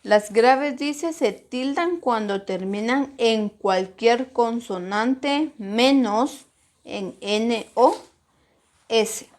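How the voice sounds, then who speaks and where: A woman teaching a primary school grammar lesson, slowly and deliberately, stressing syllables as she models words. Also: fairly high pitch.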